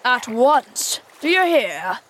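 Woman voicing Captain Hook, slow, booming, menacing pirate. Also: lively intonation, a little hiss or hum, exaggerated voice. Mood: imperious. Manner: slow drawn-out bellowed orders. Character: commanding, menacing male pirate captain, melodramatic and imperious.

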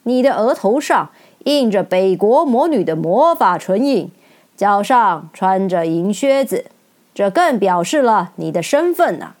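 A woman voicing a majestic, stern giant head who speaks slowly and commandingly in a children's storybook reading. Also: medium pitch, sing-song. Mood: imposing. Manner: slow, loud, commanding.

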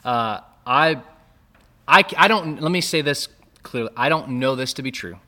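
A man's voice: medium pitch, animated, moderate pace, bright, forceful tone. A man co-hosting a casual faith podcast, mostly chiming in briefly and speaking hesitantly and carefully when he talks at length. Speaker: podcast co-host.

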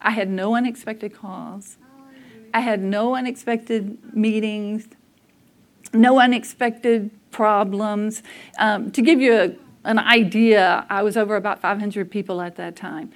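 A woman's voice: medium pitch, steady tone, unhurried. A woman preaching a conversational sermon, telling personal stories candidly and laughing at herself. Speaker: speaker at a church service.

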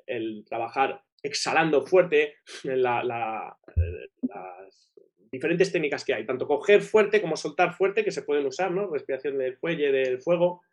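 A man with a broken, operated nose and a nasal dilator, explaining things enthusiastically as an interview guest, often checking in with tag questions. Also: medium pitch. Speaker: guest breathing coach.

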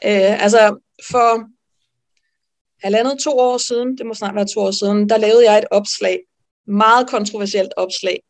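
A woman midwife telling a personal story in an interview, lively and animated, with frequent fillers. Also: mid-range voice. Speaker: midwife guest.

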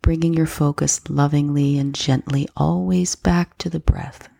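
Woman doing slow breath counting meditation, soft and gentle, gravelly fry, close dry sound. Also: sits low, steady tone, no room sound. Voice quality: soft, breathy, husky, often near whisper. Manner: slow, gentle, unhurried instruction with pauses. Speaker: meditation guide.

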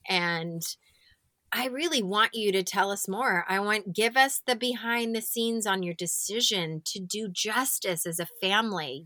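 A woman's voice: medium pitch, no echo. A woman hosting a faith podcast, introducing her guest and affirming her with frequent murmurs. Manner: warm affirming, frequent mm-hmms. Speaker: podcast host. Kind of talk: interview introduction.

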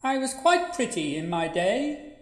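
In a radio play, a woman voices the blunt, sulky ghost of a plain young woman, giving curt, needling replies in a deadpan mood. Her medium-pitched delivery is very animated yet unhurried, and the recording sounds echoey and roomy.

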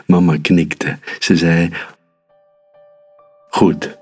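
A man reading a children's story aloud, calm and unhurried. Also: very deep voice, breathy edge, faint music behind.

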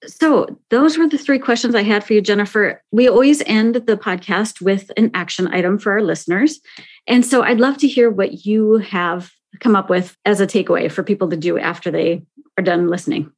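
A woman's voice: medium pitch, normal speed. Woman podcast host with a mid-range voice. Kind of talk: conversational interview.

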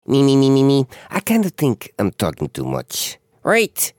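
A podcast host with a hoarse, scratchy mid-range voice rambles at a moderate pace, his pitch swinging widely. He's chatty and joking, poking fun at himself throughout a casual monologue.

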